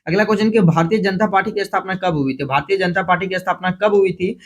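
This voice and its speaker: High-pitched guy with a jharkhand hindi accent rattling off mcq answers, repeats every question, keeps correcting himself. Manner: repeats each question, then announces the option letter; hurried, with frequent restarts and self-corrections. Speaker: exam prep teacher. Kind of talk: quick-fire multiple-choice quiz review.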